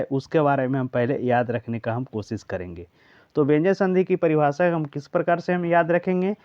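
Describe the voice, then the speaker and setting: A man's voice: a little high, clear, resonant tone, dry recording, highs cut off. A man with a Bihari Hindi accent, teaching an exam-prep grammar lesson who drills examples one after another and checks in with his listeners. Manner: repeats examples in a steady drill, checking in with the class.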